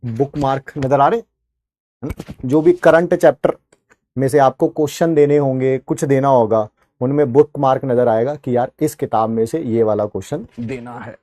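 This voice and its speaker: A man's voice: medium pitch, steady tone, normal speed, mellow. A man with an Indian accent teaching an online chemistry class in a chatty way, talking straight to his students and mixing in English terms.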